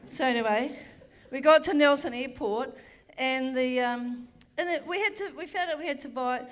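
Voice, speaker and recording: A woman's voice: high voice, normal speed. Bawdy New woman telling a story. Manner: frank, bawdy and self-mocking, with chatty asides. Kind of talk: live comic storytelling. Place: theatre stage.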